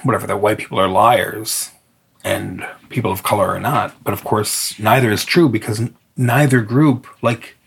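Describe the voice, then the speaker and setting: A low-pitched man with a strikingly raspy, husky voice co-hosts a casual podcast conversation. He thinks aloud, circling his points in long sentences with small restarts. He is from northern Michigan. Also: steady tone, normal speed. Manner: thoughtful, argues in long hesitant sentences. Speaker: podcast co-host. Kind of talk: casual discussion.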